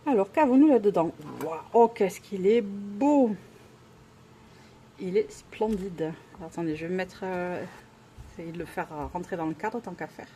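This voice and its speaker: A woman with a dark-toned, mid-range voice chats casually as she unboxes things at home for her vlog. She exclaims enthusiastically and hesitates often, over a little hiss or hum.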